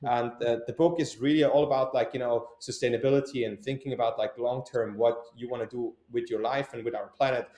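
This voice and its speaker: A man's voice: medium pitch, fairly even intonation, brisk, few pauses, a little mellow. Hesitant young Swiss man, echoey room. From Switzerland. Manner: hesitant, many fillers and restarts. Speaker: entrepreneur guest. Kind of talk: casual interview answers.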